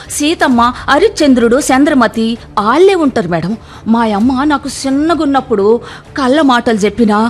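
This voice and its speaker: An actress in a radio play playing a humble, honest maidservant who speaks. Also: female voice, sits high. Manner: earnest, pleading, rustic dialect. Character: humble village maidservant woman, earnest, honest. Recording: faint music behind.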